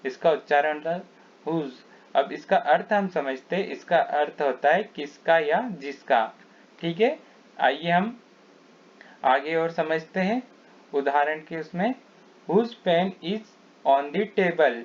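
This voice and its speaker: Male teacher, very slow deliberate delivery, slightly high voice, dull lo-fi sound. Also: lively intonation. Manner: repeats each word and meaning, reads examples slowly. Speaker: English teacher. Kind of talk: slow spoken grammar lesson. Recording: dull lo-fi recording.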